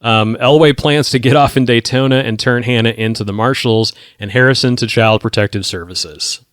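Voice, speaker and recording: A man's voice: medium pitch, a bit bright, no room sound, clean studio sound. A man co-hosting a podcast, casually and sarcastically summing up the plot of a TV episode. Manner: sarcastic, recaps plot in quick summaries. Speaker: podcast co-host recapping episodes. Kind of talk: casual chat.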